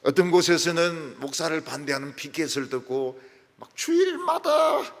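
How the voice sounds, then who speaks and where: A man preaching in a church sanctuary, his voice gravelly and pitched a little high. He swings between loud, stressed peaks and hushed drops, and a long reverb from the big hall trails every phrase. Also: big pitch swings, measured pace. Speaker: pastor. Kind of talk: sermon.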